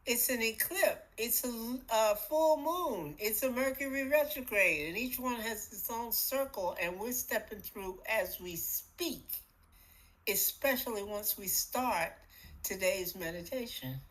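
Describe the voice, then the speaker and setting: A middle-aged woman hosting a spiritual podcast, talking in a casual, animated way, acting out little voices and laughing often. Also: on the high side, unhurried, rough recording. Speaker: podcast host.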